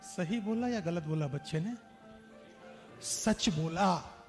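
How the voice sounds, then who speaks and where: A man with a very high voice gives an animated motivational stage talk, acting out stories and pressing his audience to answer. His voice carries long hall reverb with faint music underneath. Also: slow pace. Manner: animated, acts out stories, urges audience responses. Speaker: motivational speaker and trainer.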